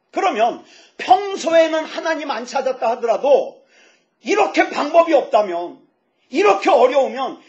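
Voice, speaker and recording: A pastor in his fifties preaching a sermon, lively and joking, asking the audience questions. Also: extremely high pitch. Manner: lively, asks the audience questions, jokes about himself. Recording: dull lo-fi sound.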